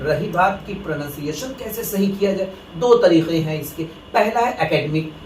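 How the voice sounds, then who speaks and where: A man's voice: high-pitched, expressive, moderate pace, darkish tone, recorded from a distance, slight background noise. Echoey man teaching in Hindi. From India. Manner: explaining, addresses viewers as friends. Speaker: English teacher. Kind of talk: Hindi lesson talk.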